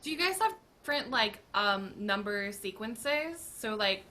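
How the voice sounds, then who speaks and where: Bright, teasing woman on a call. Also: medium pitch, animated, a little slow. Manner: teasing, questioning. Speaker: panelist. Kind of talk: casual group chat.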